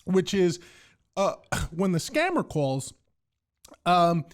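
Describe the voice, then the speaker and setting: A man co-hosting a casual comedy chat, giving mock-serious advice in an animated way. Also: high voice, slow. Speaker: podcast co-host.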